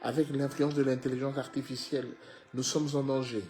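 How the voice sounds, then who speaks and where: A man preaching a sermon, swinging from loud exhortation to low hushed phrases, often repeating words and addressing listeners as beloved. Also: level tone, fairly quick. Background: faint music.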